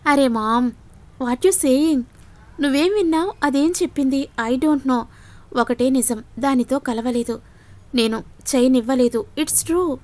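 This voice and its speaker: Woman doing a young guy protesting hard to his mom, loud and pushy, storybook. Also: high voice, slow. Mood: protesting loudly. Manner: insistent protesting denials. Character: young adult son, defensive and pleading.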